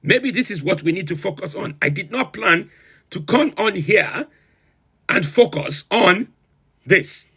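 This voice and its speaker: A heavily acted, high voice, gravelly, sharp, and husky, comes from a man playing a comic republic's pompous self-styled president on a livestream. Speaking a little slowly, he rants in theatrical disbelief, listing things with ever-rising emphasis.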